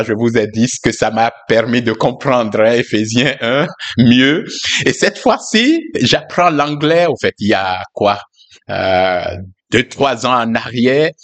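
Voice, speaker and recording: Slow, musing French-speaking preacher man. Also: mid-range voice. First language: not English. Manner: musing, conversational, many fillers and asides. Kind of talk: informal sermon.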